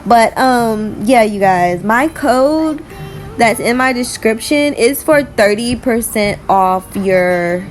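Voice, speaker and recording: A young woman chatting casually in a nail art vlog, talking in a lively, storytelling way full of "like" and "y'all". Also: a little high, slow pace, soft background music. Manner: chatty and animated, telling stories with lots of "like" and "y'all".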